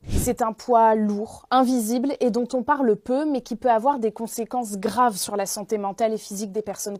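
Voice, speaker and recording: A woman host giving clear, scripted explanatory narration and asking interview questions. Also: on the high side, a little mellow. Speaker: reporter, host.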